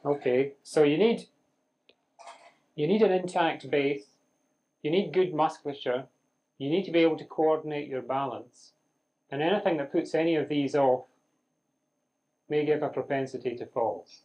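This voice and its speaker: A man's voice: a little high, normal speed, pauses often, darkish tone, lo-fi sound. A man giving a live medical lecture, quizzing students with dry humour. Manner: conversational, questioning the class, dry humour. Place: lecture room with audience.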